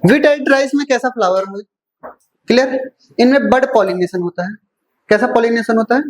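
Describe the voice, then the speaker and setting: A teacher giving a lecture who keeps asking whether things are clear, answers their own questions and repeats key terms slowly. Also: medium pitch, a little hiss or hum, rough recording. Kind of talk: classroom lecture mixing Hindi and English terms.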